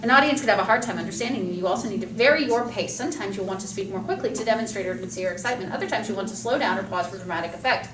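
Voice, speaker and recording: A woman speech teacher giving a chatty, fast-talking classroom lecture. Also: mid-range voice. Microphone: camera mic across a classroom. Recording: roomy, distant classroom sound with faint noise.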